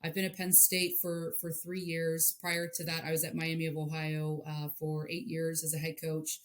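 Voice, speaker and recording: Casting: woman coach in her forties, from Hawaii, very low voice, earnest and halting. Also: completely flat delivery. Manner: earnest, repeats words while searching for them. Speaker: softball head coach. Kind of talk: interview guest.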